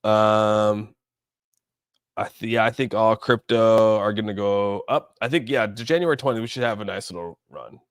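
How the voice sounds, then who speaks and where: Fairly low and resonant, the host's voice is clear and moves at a moderate pace as he rambles informally through live crypto-market commentary, thinking aloud and responding to viewers. Studio-quality audio, with no room sound.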